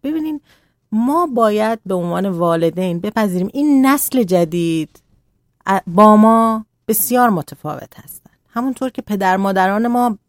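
A woman talking calmly as a radio guest, explaining parenting and boundaries in a measured way. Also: medium pitch, no echo, clean studio sound.

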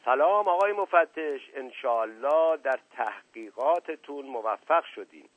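A man voicing a sly, flattering middle-aged father in a story reading, smooth-talking. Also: medium pitch, no room sound, pitched above the performer's own voice, natural voice. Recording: dry, slightly dull audio.

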